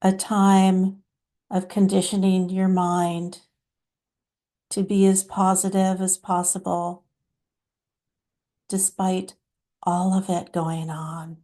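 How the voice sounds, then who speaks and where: Brief: woman voicing a motherly divine spirit, compassionate and soothing, mellow tone, very measured delivery. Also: on the low side, flat delivery. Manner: slow, soothing, motherly address to listeners as children. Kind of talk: channeled spiritual message.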